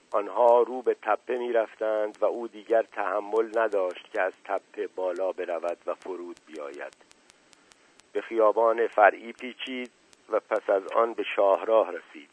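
A man narrating a literary audiobook in a steady, measured reading. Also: lowish voice. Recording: tinny, dry, phone-like sound.

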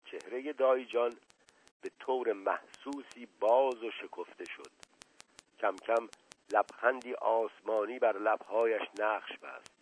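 A man narrating a story in a measured, expressive reading, heard over a narrow-band radio broadcast. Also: fairly low pitch, slightly rough.

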